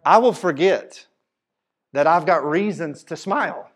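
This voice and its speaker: A man preaching a sermon as pastor, telling stories in a lively, animated way with casual Southern phrasing. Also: on the high side, unhurried, breathy edge. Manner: animated storytelling, Southern speech. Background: congregation responses.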